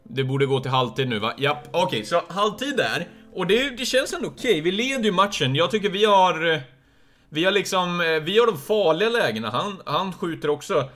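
A young man giving live commentary on his own football video game match, chatty and quick to shout and cheer when goals go in. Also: high-pitched, faint music behind. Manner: excitable, bursts into loud cheers at goals. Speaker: gaming streamer.

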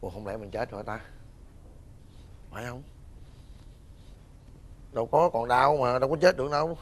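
An actor playing a loud, panicky husband who is boss to his drinking friends, with an exclamatory way of talking. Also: medium pitch, moderate pace, natural voice. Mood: panicked. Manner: excitable, exclamatory.

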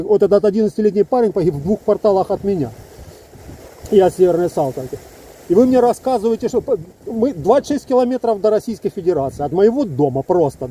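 A Ukrainian soldier vlogger in his fifties talks heatedly to his phone camera outdoors among trees, rambling emphatically with many asides in a casual monologue. His voice is high with a warm tone. The phone is held close in selfie framing.

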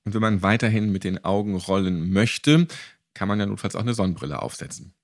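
A man's voice: lowish voice, animated, brisk. A man hosting a podcast interview, raising critical follow-up questions with dry humor. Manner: thoughtful, raises critical points with dry humor.

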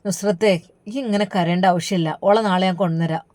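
A woman voicing a calm, matter-of-fact middle-aged father with a Malabar Malayalam accent. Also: on the low side, fairly quick, dry recording, close to an everyday voice. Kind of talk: storybook narration.

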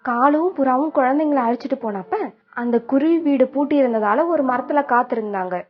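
Female storybook narrator, sorrowful and steady, dull lo-fi sound. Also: high voice, a little fast. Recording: dull lo-fi with faint music.

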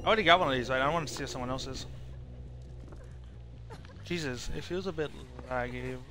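A young game streamer gives casual, off-the-cuff commentary on his gameplay in a medium-pitched voice, talking a little fast. The stream is noisy with game sounds.

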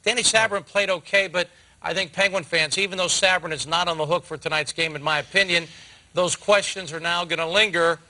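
Man, 50s, sports studio host, measured delivery, bright voice, lapel mic. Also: high-pitched, steady tone, rough recording. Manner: measured, posing questions to the analyst. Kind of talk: post-game sports talk. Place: TV studio set.

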